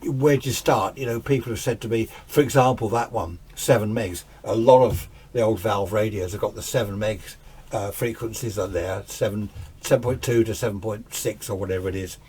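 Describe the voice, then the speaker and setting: A middle-aged amateur radio hobbyist and host gives a casual, chatty, self-deprecating hands-on demonstration indoors in his home radio shack. His voice is lowish, darkish and slightly rough, and he talks a little fast. The camera's built-in mic adds hiss and background noise, with faint radio hiss and static behind him.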